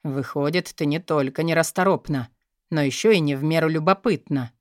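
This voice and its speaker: A woman's voice: steady tone, moderate pace, no echo, studio quality, natural voice. Woman doing a sneering cruel boss. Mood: menacing. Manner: mocking, menacing, low.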